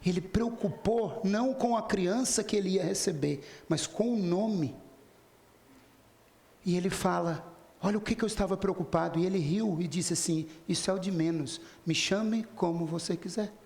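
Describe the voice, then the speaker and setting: A man with a somewhat high, gravelly voice delivers a spiritist lecture as a story. He slips into the quoted lines of the people in it and turns to address the audience directly. The sound carries the echo of a hall. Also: normal speed, darkish tone. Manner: retells dialogues in quoted voices, speaks directly to listeners. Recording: echoey hall.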